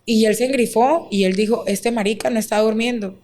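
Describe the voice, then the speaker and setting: A woman, a guest recounting a deeply painful personal story, acting out quoted dialogue with many fillers. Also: steady tone, fairly quick, a little mellow. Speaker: interview guest. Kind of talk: emotional personal testimony.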